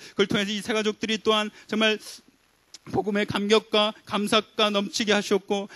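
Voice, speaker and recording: A man's voice: high-pitched, a bit bright, dry recording. A young man leading an earnest, fervent spoken prayer at a youth worship service, pleading in long repeated phrases into a handheld mic. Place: church hall stage, indoors. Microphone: handheld mic held close.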